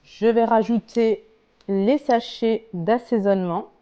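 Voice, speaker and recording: A woman's voice: a little high, steady tone, slow pace, mellow, clear, resonant tone, dull audio. A woman casually talking through a recipe step by step as a home cook, in a hesitant, explanatory way. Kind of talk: casual cooking tutorial, talking through steps.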